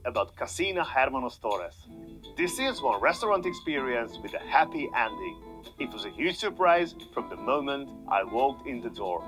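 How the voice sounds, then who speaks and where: A man narrates a fine-dining review in a measured, upbeat voice-over, and his pitch moves a lot from line to line. Guitar music plays clearly under him. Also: rough recording. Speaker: food video narrator. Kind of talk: scripted narration. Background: background music.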